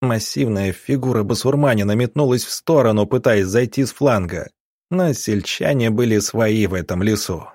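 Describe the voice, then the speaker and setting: A man reading an audiobook in a measured, steady storytelling voice, recorded on a close studio mic. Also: on the low side, no room sound. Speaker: audiobook narrator. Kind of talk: scripted narration.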